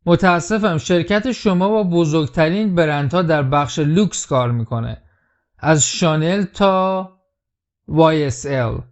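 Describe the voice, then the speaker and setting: A man with a fairly high voice teaches English in a patient, explaining tone, and he says the key phrases slowly and carefully. The recording sounds a little dull and lo-fi. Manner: repeats English lines slowly, then explains them. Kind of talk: explaining film lines in a language lesson.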